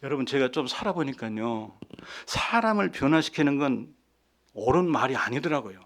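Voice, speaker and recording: A man in his fifties, a pastor delivering a sermon, moving between hushed asides and loud, emphatic preaching. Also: medium pitch, expressive, normal speed. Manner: acts out quoted lines softly.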